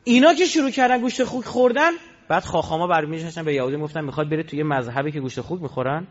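A man giving a religious lecture in a casual storytelling way, jumping between loud emphatic lines and low murmured asides. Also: expressive. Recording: dull lo-fi recording.

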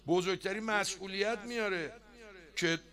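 A man giving a chatty, joking sermon at a religious gathering, now and then bursting out loudly. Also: sits high. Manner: chatty and joking, breaking into loud outbursts. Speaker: preacher. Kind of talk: conversational sermon. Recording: live crowd audible behind.

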